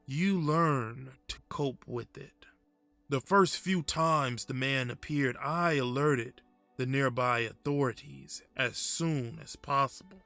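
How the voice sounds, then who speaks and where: A man performs a frightened, muddled man telling his own horror tale in hushed, creeping unease. The delivery is very slow and halting, with a slightly high male pitch and a wry edge. Soft music sits behind the roomy sound. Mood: weary unease. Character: frightened confused man haunted by screaming apparition, wry. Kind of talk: first-person horror story narration.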